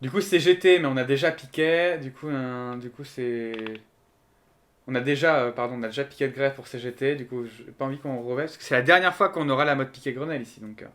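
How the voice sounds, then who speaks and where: A man's voice: medium pitch, a little fast, a bit bright. A man streaming live, chatting casually and joking as he thinks aloud and answers his chat.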